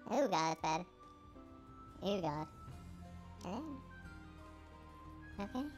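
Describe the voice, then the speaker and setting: A man talking through a voice changer that morphs his voice higher and garbles it, in casual, self-mocking gameplay commentary. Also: animated, slow pace, soft background music. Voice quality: garbled, gravelly warble from the voice changer. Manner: chatty, self-mocking, thinks aloud. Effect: voice changer shifting his voice higher and morphing it. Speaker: gamer streaming gameplay.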